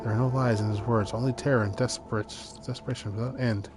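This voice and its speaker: A man's voice: medium pitch, steady tone, quick pace. Man reading a game aloud over music. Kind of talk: dramatic read-aloud narration of a game with casual asides. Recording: music behind the voice.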